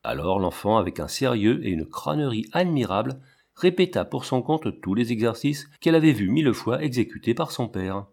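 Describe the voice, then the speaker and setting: Male audiobook narrator, mid-pitched, measured and steady. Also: vocal fry.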